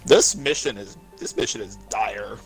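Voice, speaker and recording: A man with a low, gravelly voice co-hosts a game stream. He teases the player with dry, deadpan remarks in casual talk. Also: normal speed, faint music behind, poor audio. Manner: dry, teasing.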